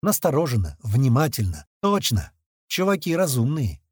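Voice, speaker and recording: A man narrating an audiobook in first person, voicing the dialogue with lively, expressive shouts. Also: medium pitch, moderate pace, husky, no room sound, studio quality.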